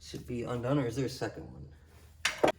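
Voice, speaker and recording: A man giving a casual how-to walkthrough while working on a car engine, explaining each step in a plain, low-key way. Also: animated, moderate pace, heavy background noise. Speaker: DIY car repair presenter.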